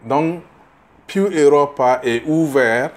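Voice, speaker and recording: A middle-aged candidate from Burkina Faso answers an interviewer in a voice pitched on the high side. Slow and hesitant, he repeats short words while searching for the next, then grows forceful when making his central points.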